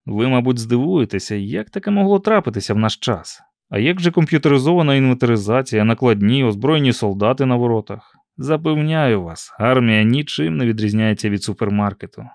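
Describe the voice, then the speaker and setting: A man's voice: mid-range voice, animated, a little fast, few pauses, darkish tone, dry recording. A man reading a first-person audiobook in a dry, ironic storytelling manner. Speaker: audiobook narrator.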